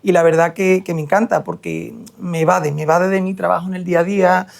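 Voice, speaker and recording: In an interview conversation, a young hair transplant surgeon from Seville, Spain, talks reflectively with many hesitations. His high voice is creaky and a little fast.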